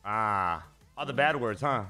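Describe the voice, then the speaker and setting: A man's voice: lowish voice, expressive, a little slow, sharp tone, soft background music. A man in his thirties hosting a casual gaming chat on a headset, teasing playfully and talking in slang. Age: 30s. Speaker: streamer host. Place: streaming room, indoors.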